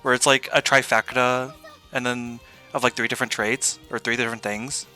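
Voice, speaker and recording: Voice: mid-range voice, little pitch movement, normal speed, bright, forceful tone, faint music behind. A streamer chatting casually with a co-voicer, giggly and talkative.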